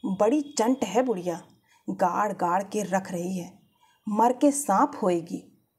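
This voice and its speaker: A woman voicing a practical, grumbling middle-aged mother, with a husky voice. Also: mid-range voice, slow pace, a little mellow. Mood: brisk.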